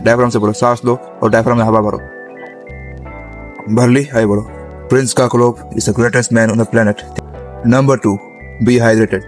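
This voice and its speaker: Flat-toned young man coaching on a rooftop. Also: medium pitch. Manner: instructive, keeps checking in with listeners. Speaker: vocal tips presenter. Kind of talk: casual spoken tutorial. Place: outdoors on a rooftop, sitting on the ground.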